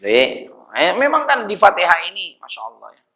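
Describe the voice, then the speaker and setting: Man, middle-aged religious teacher, chatty and joking, chants verses, bright forceful tone, slightly high voice. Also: wildly swooping pitch, moderate pace, poor audio. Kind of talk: religious study lecture.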